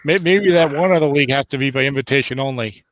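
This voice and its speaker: A man's voice: medium pitch, fast, a bit bright, slight background noise. A man hosting a casual league chat, teasing his friends with stammering starts.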